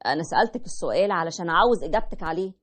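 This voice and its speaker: A woman with an Egyptian accent, telling a first-person story in a brisk, aggrieved way. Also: fairly low pitch, animated.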